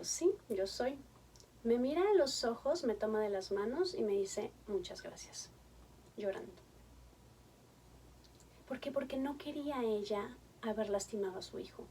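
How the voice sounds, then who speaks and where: A woman's voice: mid-range voice, vocal fry, far from the mic, a little hiss or hum. A woman, a family therapist telling stories from her practice to parents and acting out the voices in them. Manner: warm storytelling, acts out quoted voices. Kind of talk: talk to parents.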